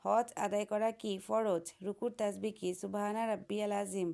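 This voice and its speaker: A woman teacher with a Bangladeshi Bengali accent, reading textbook answers aloud in a steady, drilled, item-by-item listing. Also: mid-range voice, a little fast, vocal fry.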